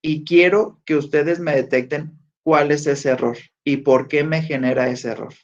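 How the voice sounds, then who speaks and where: A male teacher gives an online class lecture, speaking slowly and deliberately and putting questions to his students. His voice is fairly high with fairly even intonation. The audio is dull and lo-fi.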